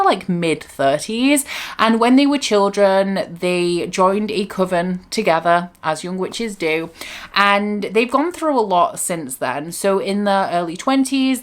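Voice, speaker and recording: Woman, lowish voice, chatty book vlog, enthusiastic, casual fillers. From Greater Manchester, England. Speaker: book vlogger. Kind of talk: casual book review monologue.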